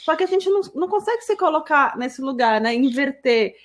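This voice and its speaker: Animated Brazilian woman host. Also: high-pitched, a little fast. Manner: animated, asks questions, swoops up when excited. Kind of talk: casual interview chat.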